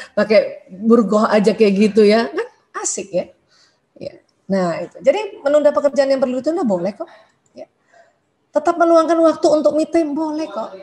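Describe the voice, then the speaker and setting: A woman's voice: mid-range voice, a little mellow. A middle-aged woman, a doctor, giving a religious parenting talk to parents, chatty and full of "ya" tags, often acting out quoted voices.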